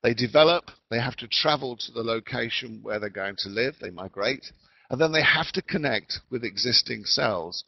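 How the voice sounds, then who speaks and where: A man's voice: mid-range voice, lively intonation, gravelly, no room sound. Man lecturing over a patchy call line. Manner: measured, deliberate explaining. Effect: patchy online call audio that fades in and out. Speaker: webinar speaker. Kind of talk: educational lecture. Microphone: remote call mic. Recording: dull lo-fi call line, dry.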